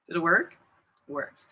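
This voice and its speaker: Bright-voiced giggly woman co-host. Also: low-quality recording. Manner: giggly, playful teasing. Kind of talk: casual livestream chat.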